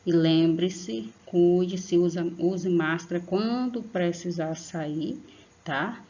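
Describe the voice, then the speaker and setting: A woman's voice: fairly low pitch, slow, warm tone, lo-fi sound. A woman teaching an online grammar lesson to young pupils, patient and affectionate, drawing out sounds and often checking in with the class. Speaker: primary school teacher.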